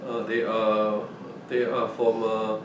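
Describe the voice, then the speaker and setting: Here an older Hong Kong interviewee, Fujianese (Minnan) by first language, reminisces about his early life in a relaxed way, stumbling into many restarts and repeated words. His lowish voice is totally flat and unhurried. The mic is far off in an echoey room, with a faint noise underneath.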